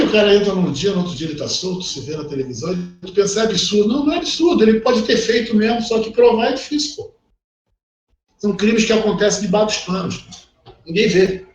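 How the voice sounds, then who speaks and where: A man's voice: sits high, distant mic. A middle-aged man with a Brazilian Portuguese accent teaching law in a recorded online class, talking bluntly and acting out the people he quotes. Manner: blunt and animated, acts out quoted voices. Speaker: law professor. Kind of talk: recorded online lecture, conversational. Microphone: online class call. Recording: dull, echoey audio with faint noise.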